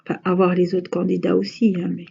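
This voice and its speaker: Chatting away to her viewers while crafting, a woman with a regional Franche-Comté accent rambles with plenty of hesitations. She speaks quickly and monotonously in a lowish, dark, husky voice with vocal fry. The audio has its highs cut off.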